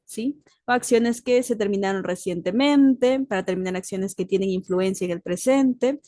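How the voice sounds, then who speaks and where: Speaking at a moderate pace with a medium pitch and dark tone, a woman teaches English in a recorded online lesson. She is patient, blends Spanish with English, and keeps asking "¿sí?" to check understanding. The recording is very dry.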